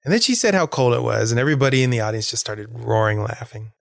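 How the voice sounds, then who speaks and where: A man's voice: medium pitch, fast, gravelly, no room sound, clean studio sound. A man hosting a podcast, rambling with enthusiasm about a concert and laughing often. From Florida. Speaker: podcast host. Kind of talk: casual solo podcast monologue.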